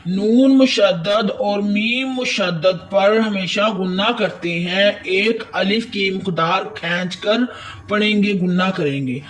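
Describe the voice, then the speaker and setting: A man's voice: high-pitched, recorded from a distance. A man with a Pakistani Urdu accent, teaching Quran recitation step by step, patiently spelling out and reciting words. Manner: slow, patient explanation with drawn-out recited words. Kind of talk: step-by-step tajwid lesson.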